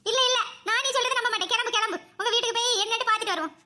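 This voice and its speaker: A woman's voice: extremely high pitch, very fast, pushed and bright, a little hiss or hum, exaggerated voice. A woman voicing a stern schoolteacher in a comedy cartoon, skeptical and questioning, giving firm orders.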